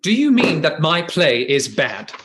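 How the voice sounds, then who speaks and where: A man's voice: on the high side, sing-song, unhurried, fairly bright tone, a little hiss or hum. Man playing a nervous poet in an echoey room. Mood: touchy. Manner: hesitant, self-conscious, stagy. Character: nervous, earnest, touchy poet-playwright. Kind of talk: amateur stage play reading.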